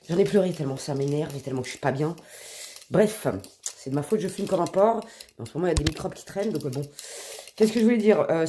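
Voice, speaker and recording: A woman's voice: low voice, warm tone. A young woman vlogging at home in a slangy, ranting, swearing style, sick with a cough. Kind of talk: casual chat to camera. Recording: noisy with clicking sounds.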